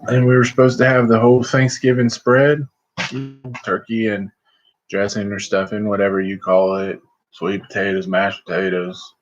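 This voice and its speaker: A middle-aged man chatting casually and folksily on a livestream, rambling along with hesitant pauses. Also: on the low side, flat delivery. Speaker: host of a livestream vlog. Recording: slightly muffled, lo-fi livestream audio.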